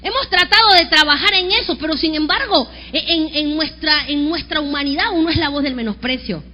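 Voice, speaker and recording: A woman pastor preaching an animated sermon, calling on the congregation to repeat after her. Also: high-pitched, a little fast, long reverb tail, highs cut off. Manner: animated preaching with call-and-response. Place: church sanctuary.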